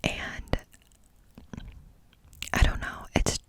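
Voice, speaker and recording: Woman in a close cupped-hand whisper. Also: drawn-out words. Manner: confiding, candid. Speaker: ASMR host. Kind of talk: ASMR personal storytelling in a close-up whisper.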